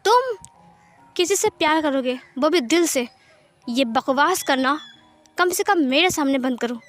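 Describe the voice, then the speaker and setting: A woman's voice: high voice, lively intonation, measured pace, faint music behind. A woman doing a harsh scolding older brother. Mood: angry. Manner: scolding, forceful. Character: stern protective elder brother, harsh and commanding.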